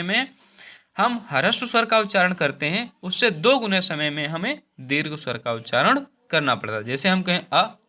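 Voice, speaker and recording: A man's voice: fairly high pitch, pushed and bright. A man teaching a Hindi grammar lesson, repeating each point and drawing out the vowel sounds.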